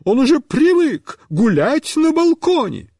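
A fussy middle-aged neighbor woman, put on by a male reader, squeals in a high, shrill voice. She huffs with constant indignation, her pitch leaping all over the place in a close, dry storybook reading. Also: sing-song, measured pace, mellow, no echo, heavily acted. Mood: indignant. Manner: indignant, huffing, boiling over.

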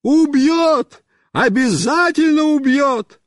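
Reader does a young boy figure, loud and high, eager and careless. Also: lively intonation, slow pace, no echo, studio quality, heavily acted. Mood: shouting excitedly. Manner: shouting, high and strained. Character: excitable young boy yelling back at a friend.

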